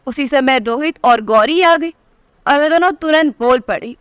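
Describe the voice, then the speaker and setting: A woman narrating a family story in the first person as a storyteller, reading every character's lines in her own voice and lifting her pitch for the quoted speech. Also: unhurried, no echo, clean studio sound. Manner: reads all the dialogue in one voice, pitch rising for quoted lines.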